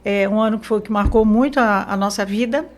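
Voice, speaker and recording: A woman from Mozambique, a business consultant, telling her career story as an interview guest in a relaxed way with fillers and self-corrections. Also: mid-range voice, fairly quick. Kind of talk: interview conversation.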